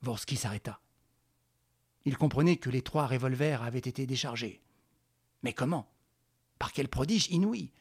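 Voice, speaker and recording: A man narrating a radio drama in a measured, dramatic storytelling manner. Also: mid-range voice, lively intonation, husky.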